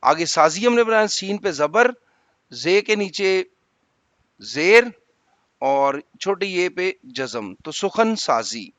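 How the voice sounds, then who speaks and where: A man's voice: high-pitched, animated, pauses often, a bit bright, no room sound. A male teacher patiently explaining exam answers to students, spelling out vowel marks letter by letter.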